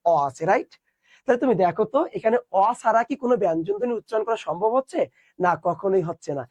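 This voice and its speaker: Young man, high voice, dry close sound, teacher quizzing students. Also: animated, fast, a little mellow, no echo, dull audio. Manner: explains step by step, asks students questions. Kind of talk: online class lecture.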